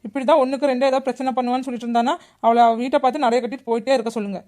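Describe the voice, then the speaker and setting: A woman's voice: fairly high pitch, steady tone, very fast, dark tone, natural voice. A woman voicing a grown daughter-in-law and mother who defends herself and pleads her case in a family quarrel. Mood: defensive.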